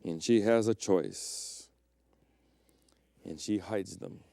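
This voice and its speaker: This sermon comes from a middle-aged pastor who tells personal anecdotes and takes his time, speaking slowly in a smooth, resonant voice. His delivery alternates between loud, emphatic highs and quiet, low passages. It's a dry recording with no room sound.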